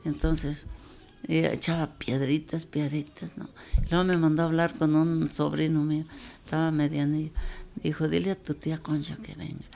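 An elderly woman tells family stories in a relaxed, chatty way. Her voice is low and gravelly. She slips into the voices of the people she quotes. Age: 80s. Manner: lively storyteller, quotes people in dialogue, chuckles often. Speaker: grandmother telling her life story. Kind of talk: casual storytelling.

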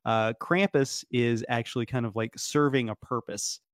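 A man in casual conversation who rambles through his points with plenty of fillers and false starts. His voice sits at a middle pitch, recorded close and dry with no room sound. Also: fairly even intonation, normal speed, dry recording. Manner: rambling, many fillers and restarts, laughs often. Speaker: podcast guest. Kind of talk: casual debate chat.

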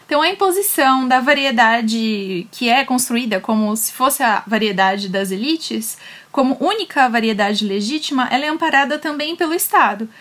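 A woman's voice: a little high, a bit bright. A woman with a Brazilian accent giving an explanatory academic talk. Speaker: panel speaker on linguistics.

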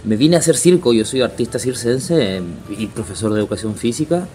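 A Chilean circus artist in his thirties answers interview questions casually, stumbling, restarting, and filling pauses often. His medium-pitched voice is warm and expressive, and there's a slight hiss or hum on the recording.

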